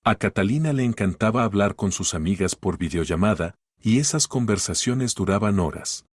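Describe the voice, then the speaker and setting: Husky low-voiced man reading a story, dry close sound, steady pace. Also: moderate pace, dry recording. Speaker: narrator. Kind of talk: scripted story narration.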